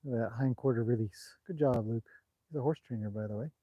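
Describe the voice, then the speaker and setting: On a bright day by a horse paddock, a fast-talking man with a mid-range voice hosts a casual livestream from his cell phone. He chats loosely about his horses and responds to viewer comments. The audio is dry, narrow, and tinny.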